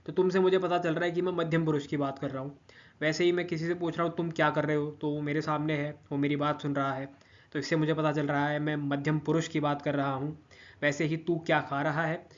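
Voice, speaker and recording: A man's voice: fairly high pitch, level tone, quick pace. Patient man teaching grammar, lo-fi. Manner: patient, repeats each form, checks in with frequent "theek". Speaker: language teacher. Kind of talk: explanatory grammar lesson.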